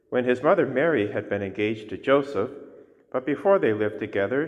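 Priest preaching in a cathedral echo. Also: male voice, fairly low pitch. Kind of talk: gospel reading and homily. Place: large church. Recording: long reverb of a large church.

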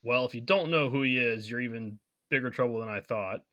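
A man's voice: mid-range voice, brisk, pushed and bright, muffled recording, close to an everyday voice. A man voicing a smug, taunting armored warrior spirit trapped inside someone's mind.

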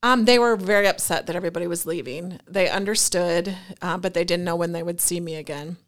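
A middle-aged woman telling a personal story in an interview, animated and laughing between quick asides. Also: on the low side. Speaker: guest.

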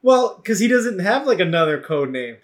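A man's voice: high-pitched, sing-song, normal speed. A man co-hosting a casual podcast, laughing often and swearing freely as he talks. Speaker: podcast co-host. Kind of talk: casual chat.

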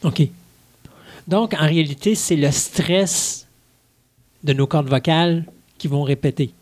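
A man's voice: a little high, slow, darkish tone. A man, a curious co-host who asks questions and jokes in a casual chat.

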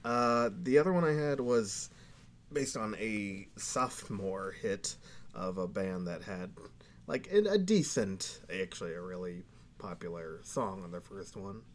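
Podcast guy, deeper voice, rambly laid-back storytelling. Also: lively intonation, unhurried, slight background noise. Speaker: podcast co-host. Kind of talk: casual chat.

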